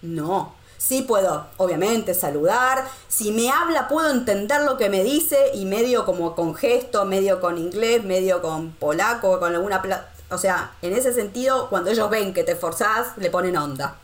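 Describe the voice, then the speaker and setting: Animated Argentine woman telling anecdotes. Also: moderate pace, hardly any pauses. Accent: Rioplatense Argentine Spanish. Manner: animated storyteller, acts out quotes with big pitch jumps. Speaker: guest, expat living in Poland. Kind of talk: casual conversational interview.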